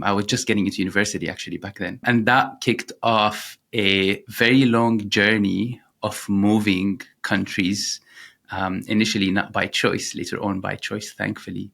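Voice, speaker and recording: A man's voice: fairly low pitch, level tone, moderate pace, vocal fry, fairly bright tone. A man in his thirties from Syria, a startup founder talking in an interview, earnest and reflective with frequent fillers. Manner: earnest, reflective, many "you know" fillers. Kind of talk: interview conversation.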